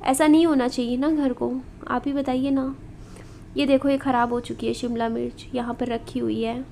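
A woman in her thirties with a high voice guides viewers through a house in a home vlog. She talks in a confiding way and keeps asking the audience questions. Faint room noise sits under her voice. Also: fairly even intonation, moderate pace, creaky, warm tone. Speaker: vlogger. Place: indoors in a house.

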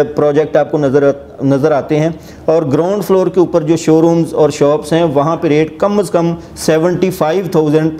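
Speaking at a fairly high pitch into a lapel mic, a man in his forties with a Pakistani Urdu accent explains a project's rates for his property channel. He's seated in an indoor office with an armchair, glancing at notes and moving his hands, his steady delivery broken by frequent pauses, hesitation, and many filler sounds.

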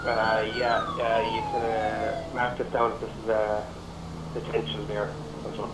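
A man's voice: on the low side, wildly swooping pitch, measured pace. An Irish man role-playing a police officer, giving procedural police radio reports. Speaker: role-player as police officer at crash scene. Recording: roomy echo, loud vehicle and siren noise.

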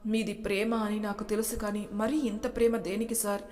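A woman's voice: mid-range voice, little pitch movement, a little fast, a little mellow, lightly acted. A woman voicing a worried, loyal young woman who asks anxious questions, in a storybook reading. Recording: reverberant room.

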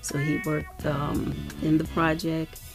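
A woman's voice: low-pitched, flat delivery, slow pace, music in the background. A woman in her forties, a nail technician, recounting memories conversationally in a documentary interview. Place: indoor room, seated in armchair.

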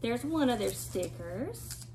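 A woman's voice: fairly high pitch, sing-song, slow pace, heavy background noise. A woman in her thirties hosting a casual family unboxing chat at home, laughing often and talking over her kids. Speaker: family channel host. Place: home room with collectibles shelves, indoors. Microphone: fixed camera across a table.

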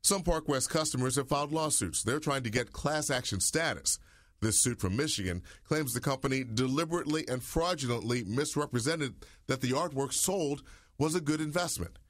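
Male TV news reporter, measured delivery. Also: mid-range voice, animated, dry recording, clean studio sound. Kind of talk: scripted news narration.

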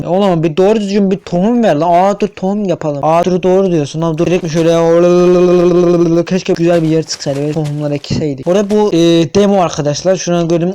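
A man's voice: a little high, dark tone. A young man giving casual, chatty commentary over his own gameplay, swearing, stammering and humming to himself. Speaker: gaming youtuber.

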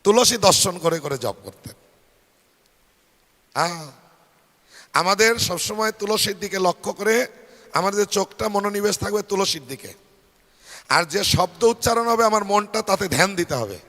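A man's voice: high voice, animated, normal speed, long pauses, bright, forceful tone. A male preacher with a Bengali accent giving a devotional sermon, asking the crowd questions and having them repeat phrases after him. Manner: rhetorical questions to the audience. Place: large hall at a devotional fair. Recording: long hall reverb.

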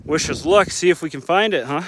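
A man's voice: on the high side, brisk, slight background noise. A man, live-streaming a hike in an upbeat, chatty way, filmed on a phone held out at arm's length on an open mountain slope. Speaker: vlogger and hiking dad. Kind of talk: live-stream hiking vlog.

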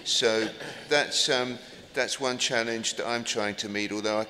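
A middle-aged man moderating a conference panel, speaking haltingly with ums, into a table mic in a large hall. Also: mid-range voice, steady tone, bright, forceful tone. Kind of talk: conference closing remarks. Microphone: table microphone. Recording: reverberant hall, faint noise.

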